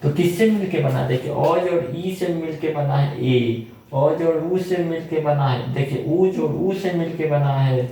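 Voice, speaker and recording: A young male teacher explains a grammar lesson. His voice is a little high and mellow. He sounds far from the mic in a very echoey room, with a faint hiss behind him. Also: unhurried. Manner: asks questions and answers them himself, repeats key terms.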